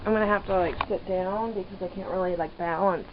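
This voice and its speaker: A woman giving rambling, hesitant, casual vlog commentary from inside a small trailer, pausing mid-sentence. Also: medium pitch, steady tone. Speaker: vlogger living off grid in a trailer. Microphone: handheld camera microphone. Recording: dull lo-fi camera audio, background noise.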